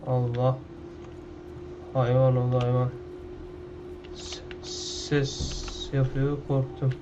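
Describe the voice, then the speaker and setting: A man's voice: medium pitch, monotone, extremely slow, noisy background. A man playing a video game at his computer, talking loosely and with slang, half to himself, in casual gameplay commentary. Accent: Turkish. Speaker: gaming YouTuber.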